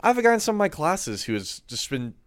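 A young man co-hosting a podcast, chatting casually with wry, deadpan asides. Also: on the high side, quick pace, smooth. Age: young adult. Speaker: podcast co-host, college resident assistant. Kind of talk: casual chat.

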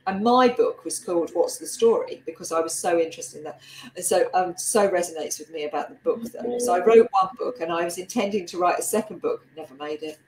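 A woman's voice: fairly low pitch, fairly quick, darkish tone. A woman with a slight South London twang, hosting a casual interview in a chatty, laughter-prone way. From lived a long time in South London. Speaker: interview host. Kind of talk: casual video-call interview. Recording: roomy echo, faint background noise.

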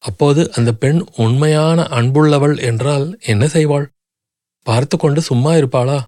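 A man's voice: on the high side, normal speed, dark tone, dry recording, studio quality, lightly acted. A man reading a sobbing, remorseful young noblewoman. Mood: grieving plea. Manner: sobbing, desperate pleading. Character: grief-stricken young noblewoman, remorseful and pleading.

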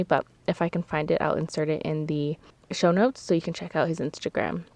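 Lower-voiced woman podcasting inside a closet. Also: a little mellow, no echo. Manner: chatty, laughs often, corrects herself mid-sentence. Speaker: podcast host. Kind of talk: casual seasonal podcast chat. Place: inside a closet padded with clothes. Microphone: close microphone.

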